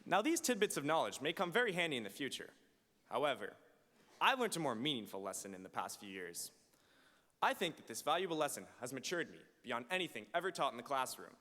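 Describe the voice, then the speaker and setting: A man in his late teens giving an emphatic, deliberate graduation speech as valedictorian at a podium microphone in a large auditorium. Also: mid-range voice, pushed and bright. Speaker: high school valedictorian. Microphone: podium microphone on a stand. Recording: reverberant hall through PA microphone.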